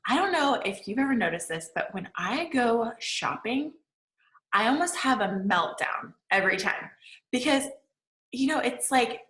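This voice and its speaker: A woman in her forties teaching a live class as a manifesting coach, chatty, laughing often and acting out quotes with big jumps in pitch. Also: expressive, moderate pace, fairly bright tone, reverberant, rough recording. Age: 40s. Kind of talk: live-streamed class talk.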